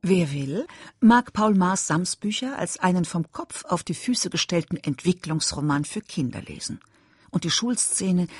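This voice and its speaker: Measured scripted feature narrator. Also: mid-range voice, slightly rough, no room sound, clean studio sound.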